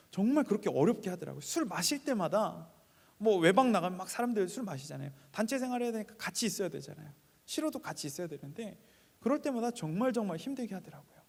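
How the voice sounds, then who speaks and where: In a large church hall, a man with a high, gravelly voice preaches a sermon built around a personal story. He shifts between quiet asides and raised appeals to the congregation.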